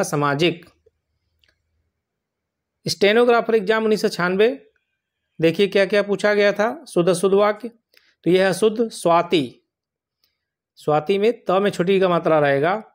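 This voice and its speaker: A male exam prep teacher with a fairly high voice walks learners through spelling for their exam. Patient and slow, he says each word several times so they remember it.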